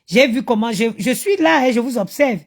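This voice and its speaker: A woman's voice: a little high, animated, moderate pace, breathy edge. A tired woman chatting to her viewers on a phone live stream, talking about motherhood and her online group. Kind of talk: casual live-stream chat.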